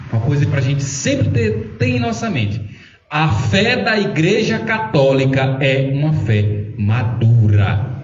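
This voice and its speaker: A man, a religious brother leading a Bible study, telling stories and acting out the dialogue. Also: fairly high pitch. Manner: animated, acts out dialogue in his stories. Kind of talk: Bible study talk with storytelling. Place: chapel. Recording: echoey chapel, distant mic, dull sound, faint noise.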